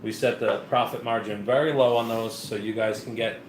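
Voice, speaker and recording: With a lowish, steady voice and a slightly fast pace, this co-host of a live beer review show rambles casually through plenty of fillers and restarts. Faint noise hangs in the echoey room.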